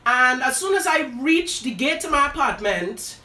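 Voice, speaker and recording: Calling her audience "girl" and "darling," a live-show host spins a personal tale full of drama and sassy asides. Her voice sits high with a sing-song lilt, pushed and bright at a moderate pace. She comes across from a distance in an echoey room.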